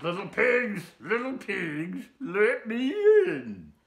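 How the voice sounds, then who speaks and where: A woman voicing a big, hungry male wolf who bellows drawn-out threats in a gravelly voice, recorded in an echoey room. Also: mid-range voice, expressive. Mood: menacing. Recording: echoey room, faint noise.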